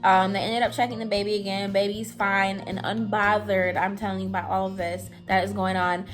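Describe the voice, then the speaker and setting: A woman's voice: medium pitch, level tone, normal speed, soft background music. A young woman vlogger telling a personal story in a casual, chatty way, full of "like" and "I'm telling you", sounding anxious.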